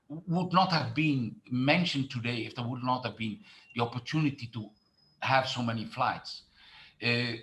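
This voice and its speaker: A middle-aged Dutch man, a tourism marketing expert, gives an online presentation full of fillers and restarts. His voice is medium-pitched with a fairly bright tone.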